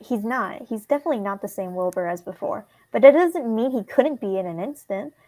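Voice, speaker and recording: A woman voicing a worried teenage boy, reading a fan script aloud in an earnest, hushed way. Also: on the high side, expressive, fairly quick, no echo, close to an everyday voice. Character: worried teenage boy confiding about a friend.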